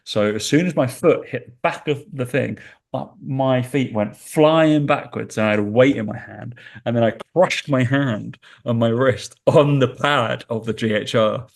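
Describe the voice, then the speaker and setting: A man's voice: medium pitch, normal speed, creaky. A man co-hosting a casual podcast, telling jokey stories about himself. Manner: joking, storytelling. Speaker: podcast co-host. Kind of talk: casual chat.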